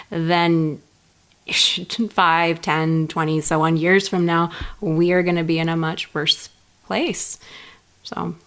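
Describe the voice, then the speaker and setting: A woman co-hosting a podcast, chatting earnestly and quickly agreeing with her co-host. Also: lowish voice, fairly bright tone. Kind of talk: casual podcast chat.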